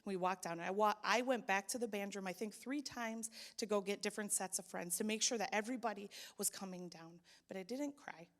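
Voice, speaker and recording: A woman's voice: mid-range voice, brisk, hardly any pauses. A young adult woman sharing a personal testimony at church, telling her story and acting out the people in it. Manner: storytelling, voices quoted people, grows loud and pleading. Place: church hall. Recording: long hall reverb.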